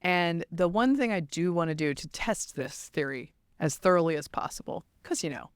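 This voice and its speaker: Casting note: woman podcast host from the South, chatty and animated, smooth resonant voice, dry close sound. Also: lowish voice, moderate pace, no echo. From American South. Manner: chatty, animated storytelling with put-on quotes. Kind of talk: casual chat, taste-testing drinks.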